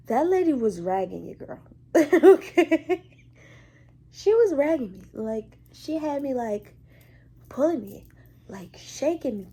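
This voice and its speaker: Animated young woman telling a story. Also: mid-range voice, slight background noise. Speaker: hospital care worker. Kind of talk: casual story-time vlog.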